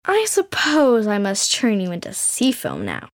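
A woman voicing a wry, wistful female sea witch with a serpent's tail, speaking in a knowing, gently teasing way in a storybook reading. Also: medium pitch, wildly swooping pitch, a little slow, dry recording, studio quality.

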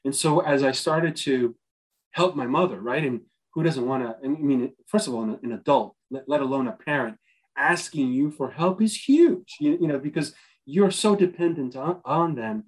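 A man's voice: fairly high pitch, moderate pace, slightly rough, low-quality recording. A middle-aged man from the United States, a journalist being interviewed, answering earnestly and thoughtfully, often checking in with "right?" and restarting his phrases. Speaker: journalist guest.

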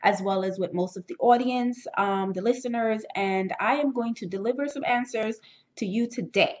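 A woman's voice: a little high, moderate pace, lo-fi sound. A woman hosting her own podcast, talking casually and upbeat to her listeners from a setup at home. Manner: chatty and upbeat, switching into a soft breathy whisper for effect. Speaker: podcast host.

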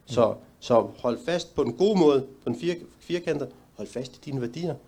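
A middle-aged man answering a question at a talk, earnest and measured, sometimes restarting a sentence. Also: mid-range voice, dark tone. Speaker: panel speaker.

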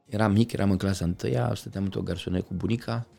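A middle-aged man talking as an interview guest, passionate, swinging from loud outbursts to quiet reflection. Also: deep voice, steady tone, vocal fry, faint music behind. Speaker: podcast guest. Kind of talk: conversational interview.

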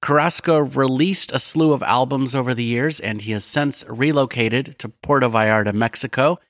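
A man co-hosting a podcast, talking about songs in a relaxed, friendly way. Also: medium pitch, normal speed, no room sound, studio quality. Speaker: podcast co-host. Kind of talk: casual chat.

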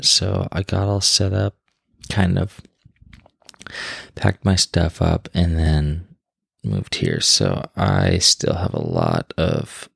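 A man with a very low voice and a gravelly fry at the edges talks as a podcast host. He sounds tired and rambles informally, unscripted, in a close, dry recording. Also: slow, a bit bright, no room sound. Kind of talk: casual solo podcast chat. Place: bedroom in a new home, on his bed.

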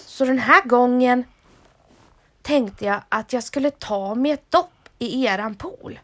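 A woman's voice: a little high, natural voice. Sotis, a chatty little soot monster, as a woman reads it. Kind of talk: storybook reading.

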